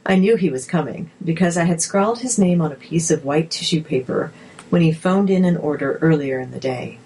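A woman narrator reading articles aloud in a measured, steady way. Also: low voice, breathy edge, rough recording.

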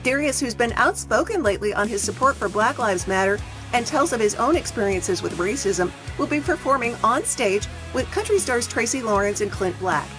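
An American woman presents scripted music news on the radio. Her voice sits a little high, with a music bed clearly audible under her. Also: animated, normal speed, a bit bright.

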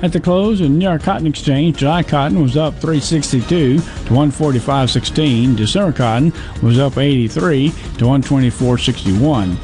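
A male radio announcer delivers a formulaic, scripted market report full of figures. His voice is dark and mellow, with faint music underneath. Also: mid-range voice, normal speed, hardly any pauses.

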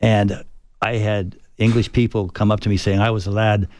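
An older man, a retired Air Force fighter pilot, telling stories in an interview with a reflective, halting manner full of restarts. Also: lowish voice, level tone, darkish tone, no room sound. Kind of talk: conversational interview storytelling.

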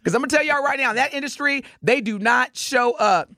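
A middle-aged woman hosting a casual morning show, talking in a playful, teasing, animated way. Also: sits high, a little fast, no room sound, clean studio sound. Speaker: host.

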